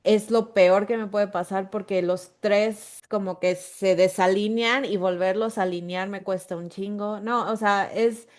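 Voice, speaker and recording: A woman's voice: mid-range voice, fairly even intonation, measured pace, hardly any pauses. A woman with a Mexican accent, co-hosting a podcast in casual chat. She tells stories animatedly and acts out imagined dialogues with her own brain. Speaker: podcast co-host.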